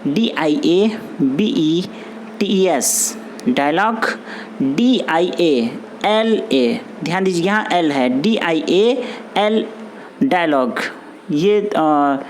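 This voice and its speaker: Slow, patient male spelling teacher. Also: on the high side, expressive, slight background noise. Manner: spells words letter by letter, explains in Hindi; reassuring, repeats key points. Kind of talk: spelling lesson for exam students.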